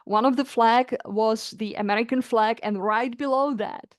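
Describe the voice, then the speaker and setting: A woman's voice: a little high, fairly even intonation, normal speed, no room sound, clean studio sound. A middle-aged woman from the Republic, earnestly sharing a personal experience in heartfelt, searching words. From Czech Republic. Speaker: coaching client. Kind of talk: reflective personal testimony.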